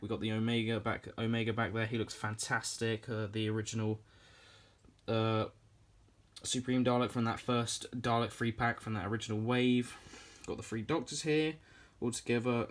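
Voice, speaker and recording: A British man in his twenties giving an off-the-cuff room tour in casual, enthusiastic, informal vlog chat. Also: mid-range voice. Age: 20s. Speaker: collector hosting a room tour.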